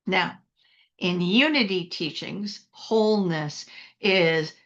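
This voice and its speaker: A woman minister giving a sermon, telling a story gently and guiding listeners through imagery at an unhurried pace. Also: on the low side, lo-fi sound.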